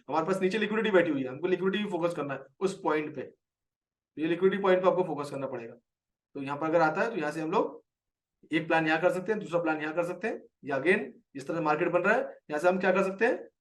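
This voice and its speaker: A man's voice: fairly high pitch, fast, distant mic. A man with an Indian accent teaching a live trading lesson, explaining a chart and answering viewers by name.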